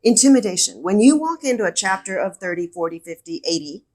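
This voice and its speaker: A woman's voice: medium pitch, big pitch swings, fairly quick, darkish tone. A woman from El Paso, Texas, talking as a guest on a business podcast, enthusiastic and emphatic, often repeating her key words. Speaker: podcast guest, regional director. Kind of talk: conversational podcast interview.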